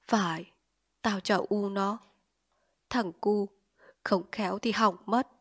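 A woman's voice: mid-range voice, fairly even intonation, moderate pace, natural voice. A woman voicing a poor, grieving peasant husband who talks bluntly in plain country speech, weary and urgent, in a storybook reading.

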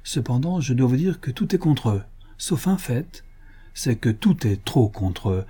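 A man voicing a calm, shrewd gentleman detective in an audiobook, reasoning in a measured, deliberate way. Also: mid-range voice, husky.

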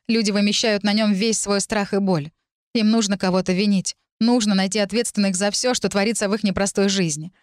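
A woman reads a first-person novel aloud in a measured, expressive way. Her pitch sits in the middle range, and the close, dry studio sound has no room echo. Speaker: audiobook narrator. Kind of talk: first-person audiobook narration.

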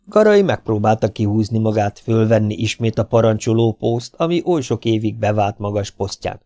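Low-voiced male audiobook narrator, wry storytelling, dry recording. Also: animated, dark tone, no echo. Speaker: audiobook reader.

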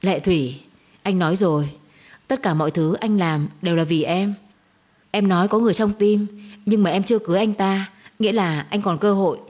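A cold, manipulative young man, read by a woman narrator, speaking calmly and smugly in an even tone. The husky, breathy voice stays flat and unbothered. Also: mid-range voice, a little fast, natural voice. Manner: calm, smug, flat.

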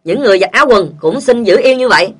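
A woman's voice: mid-range voice, expressive, fast talker, husky. A woman reading short funny stories aloud and voicing their characters. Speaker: joke reader.

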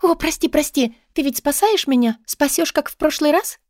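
A woman voicing an excitable young witch. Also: a little high, fairly quick, no room sound, studio quality, voice pushed up, lightly acted. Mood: eager pleading. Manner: excited, pleading, exclamatory. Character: young defiant witch girl, impulsive and pleading. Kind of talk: audiobook character voice.

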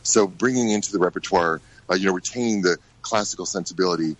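Deep-voiced middle-aged guy from the us, ballet director on a radio chat, lots of ums and restarts. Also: dry recording, muffled recording. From United States. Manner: halting, many fillers and restarts. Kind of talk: radio interview guest.

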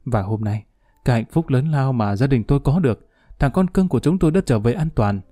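A man's voice: medium pitch, animated, brisk, dark tone, no room sound, studio quality, natural voice. A man voicing a grateful, emotional middle-aged doctor who speaks earnestly and formally. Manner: earnest, formal, effusive thanks.

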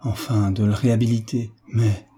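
A man with a husky voice voicing an anguished, proud young woman in an audiobook, speaking in a trembling, pleading way. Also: lowish voice, flat delivery, normal speed, warm tone. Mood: bitter. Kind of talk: audiobook character reading.

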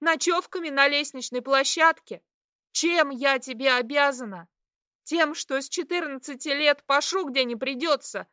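A rebellious young woman, an art student, shouting back high and fierce at her parents, played by a woman reading an audiobook. The voice is bright and pitched up. The sound is dry with no room. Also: moderate pace, no room sound. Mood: furious. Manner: high, shouting, tearful defiance.

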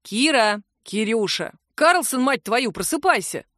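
Female narrator as a cheeky young man, high for a guy, playful and insistent. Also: animated, unhurried, fairly bright tone, dry recording, clean studio sound. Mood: teasing. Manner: teasing, cheerfully pushy. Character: cheeky cheerful young man, teasing friend.

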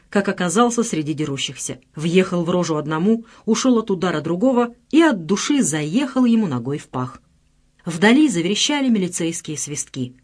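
A woman's voice: mid-range voice, a little mellow. A woman narrating an audiobook expressively and doing all the characters.

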